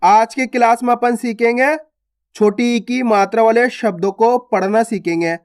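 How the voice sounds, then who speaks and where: A man's voice: extremely high pitch, fairly even intonation, normal speed. A man teaching a beginner's reading lesson online, spelling words out syllable by syllable with encouraging, reassuring asides. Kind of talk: classroom-style online lesson.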